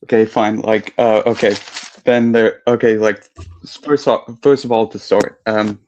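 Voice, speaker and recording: A man calls in to a debate stream and speaks slowly, in a low, flat voice. He stops often and fills the gaps with fillers. His call audio sounds dull and lo-fi. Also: slight background noise. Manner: hesitant, halting, many fillers. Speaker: caller. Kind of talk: casual debate chat.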